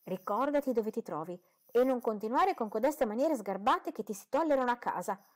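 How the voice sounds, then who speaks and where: Voicing a gushing, indignant middle-aged mother who is fussy and boastful, this audiobook reader lifts her pitch and volume slightly above her narration. The delivery is animated, at normal speed, with a natural-sounding voice.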